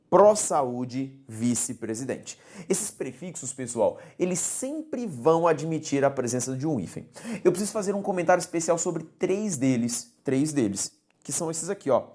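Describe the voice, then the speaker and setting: A woman's voice: rumbling low, a little mellow. A woman teacher giving a recorded grammar lesson, explaining step by step and checking in with her students. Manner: didactic, repeats key words, checks in with "tudo bem?".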